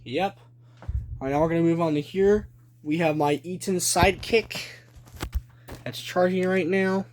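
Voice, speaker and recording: In a casual show-and-tell video, a young adult hobby collector with a high voice lists his items deliberately, phrase by short phrase. He's in a small room at home recording on a phone he holds behind the camera, and the handheld footage is noisy, with clicks.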